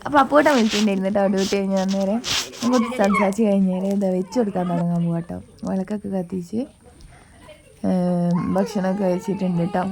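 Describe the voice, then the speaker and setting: A woman casually explaining a family ritual, talking quickly and often repeating a tag word. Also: mid-range voice, fairly even intonation, noisy background.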